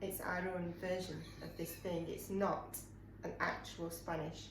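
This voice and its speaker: A woman's voice: lowish voice, little pitch movement, measured pace. A woman hosting a casual home cooking demonstration with dry humour. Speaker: cooking show host. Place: home kitchen. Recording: home kitchen with clear background noise.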